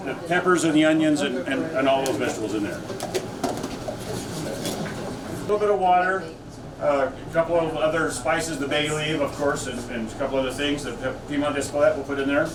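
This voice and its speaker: A man working as a chef gives an informal live cooking demonstration, explaining each step in a folksy, rambling, halting way. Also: on the high side. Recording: echoey, noisy room, distant mic.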